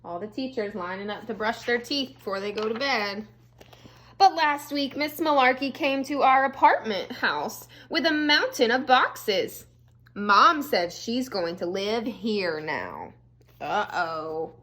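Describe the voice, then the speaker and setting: Speaking a little slowly in a slightly high voice, a woman who teaches elementary school shares a storybook with young kids. Her reading is expressive, with relaxed, chatty comments along the way.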